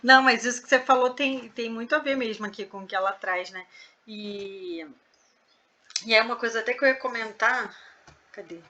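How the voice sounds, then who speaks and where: A woman's voice: fairly high pitch, normal speed, sharp tone. A woman in a casual online discussion, hesitant and searching for words. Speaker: reading group participant. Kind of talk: casual chat.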